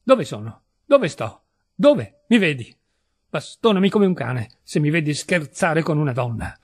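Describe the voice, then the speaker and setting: A man's voice: a little high, animated, normal speed, breathy edge, no room sound, studio quality. A man reading a story aloud, voicing a distraught young painter who has lost his mind, with feverish, erratic outbursts. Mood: furious. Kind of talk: audiobook reading.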